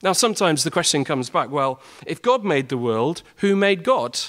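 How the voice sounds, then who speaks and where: With a slightly high, sing-song voice, a fairly bright tone and a moderate pace, a young man delivers a prepared talk to other students. His style is earnest, and he builds each point with rhetorical questions.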